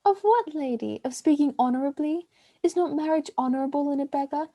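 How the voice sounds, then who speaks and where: A woman's voice: sits high, fairly quick, mellow. A woman reading the part of a chatty, teasing waiting-woman in an amateur online play reading.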